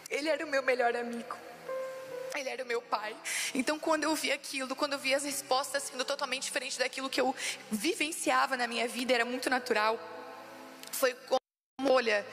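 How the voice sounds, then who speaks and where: A woman's voice: high-pitched, fairly even intonation, fast, a bit bright. A Brazilian woman giving an emotional sermon testimony, repeating phrases for emphasis. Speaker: preacher. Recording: long reverb with faint background music.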